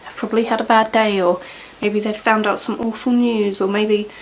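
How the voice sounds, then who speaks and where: Young woman, mid-pitched, rambling get-ready-with-me chatter, faint hiss behind. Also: flat delivery, normal speed, low-quality recording. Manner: rambling, chatty, lots of "like" and "you know". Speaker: beauty vlogger. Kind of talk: casual chat while doing makeup. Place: indoors at home, doing makeup.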